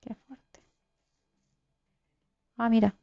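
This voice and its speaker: A young woman from giving live gameplay commentary, excitable, swearing and talking to her viewers. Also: extremely slow, muffled recording. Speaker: gaming YouTuber.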